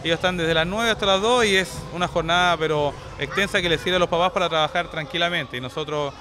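A man's voice: fairly high pitch, fast. A man interviewed outdoors on a pedestrian street, speaking hesitantly with many restarts and fillers. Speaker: summer school staff member.

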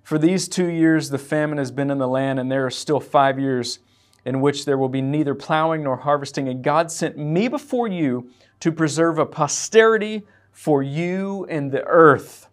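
A pastor preaching an earnest, emotional sermon and reading scripture aloud. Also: male voice, a little high, normal speed. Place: church.

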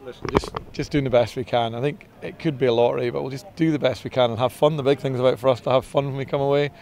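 A middle-aged man, a racing driver, answering interview questions outdoors in a paddock in a relaxed, modest way. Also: mid-range voice, rapid-fire. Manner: relaxed and modest, with filler ums. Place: outdoors in a race paddock beside a team truck. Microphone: interviewer's handheld mic.

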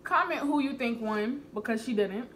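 A woman's voice: fairly high pitch, moderate pace, slight background noise. A young woman in casual banter as a guest on a home video. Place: home kitchen, indoors.

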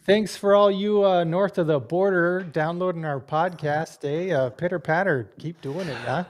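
A man putting on a jokey, exaggerated Canadian voice with sing-song, drawn-out vowels. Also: high-pitched, pitched above the performer's own voice, lightly acted. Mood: cheery teasing.

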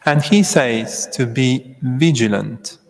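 A priest giving a homily at Mass, speaking at a pulpit microphone in a large church, in a slow, measured way with long pauses. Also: male voice, mid-range voice, lively intonation, vocal fry, big-room sound, low-quality recording.

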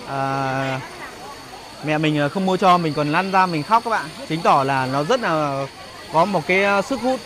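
A man giving casual, hesitant walking-tour commentary as a vlog host, searching for words at an outdoor market. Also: fairly high pitch. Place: busy outdoor market and street. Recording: noisy outdoor market ambience.

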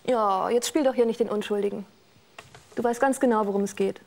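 A woman's voice: mid-range voice, brisk, gravelly, darkish tone, close to an everyday voice. An actress playing a blunt witness in a scripted courtroom show, mocking the man beside her. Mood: scornful. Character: blunt, scornful female witness.

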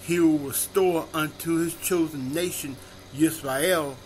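A male minister preaches a sermon, reading scripture aloud and slowly, deliberately repeating each verse reference. His voice is a little high and his tone stays steady.

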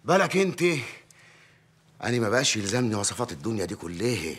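A blustering village mayor barks orders in a quick, husky Egyptian voice. His pitch leaps about lively and his tone is bright and forceful. He mixes bossy commands with mocking jabs. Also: slight background noise.

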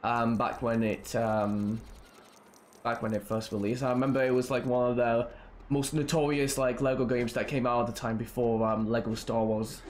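A man's voice: mid-range voice, little pitch movement, normal speed, a little hiss or hum. A Scottish man in his twenties giving casual, sweary, rambling live gameplay commentary. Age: 20s. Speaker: game streamer.

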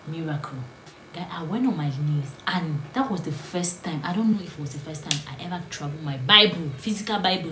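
A young woman, telling her own story in a storytime vlog, earnest and often sinking to a hushed whisper. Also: lowish voice, a little hiss or hum. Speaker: vlogger. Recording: roomy echo, faint ambience.

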